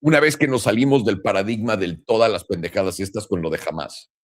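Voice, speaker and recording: A man's voice: on the low side, a little fast. Blunt, profane Mexican man ranting. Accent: Mexican Spanish. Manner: blunt, profane and sarcastic, mocking others in put-on voices. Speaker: crypto trading commentator. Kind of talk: casual ranting monologue.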